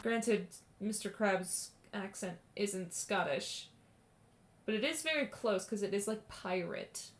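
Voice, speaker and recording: A woman's voice: mid-range voice, slow. A woman streamer giving casual, rambling watch-along commentary. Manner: rambling, chatty, trails off.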